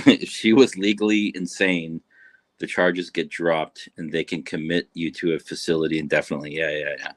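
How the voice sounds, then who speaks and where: A man's voice: deep voice, fairly even intonation, normal speed, no room sound. A man dropping in as a guest on a livestream, bantering in a laid-back way. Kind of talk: casual livestream chat.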